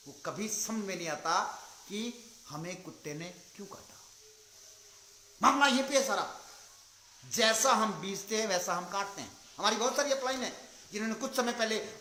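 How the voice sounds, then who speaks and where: A man giving a motivational talk, telling a story dramatically and acting out its shouting characters, swinging between loud and soft. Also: high voice, reverberant, slight background noise. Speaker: motivational speaker for a business network. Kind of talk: motivational talk with acted anecdotes.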